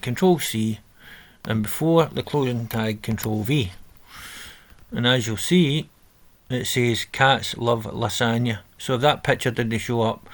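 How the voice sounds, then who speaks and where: A man talking through a coding exercise on a screen recording, reading out steps and correcting himself as he goes. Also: mid-range voice. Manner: thinking aloud, self-correcting, reading instructions. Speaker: coding tutor. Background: keyboard typing.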